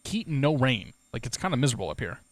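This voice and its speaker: A man's voice: mid-range voice, sing-song, fast talker, dry recording. A young man streaming a flight simulator, chatting casually with viewers, laughing and swearing now and then. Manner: laid-back, swears casually, laughs often. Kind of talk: casual livestream chat with viewers.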